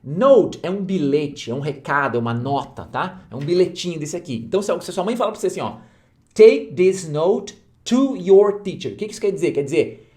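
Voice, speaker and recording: A man teaching English to learners in a casual online lesson, checking in often with short questions and repeating key phrases slowly. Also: fairly high pitch, animated.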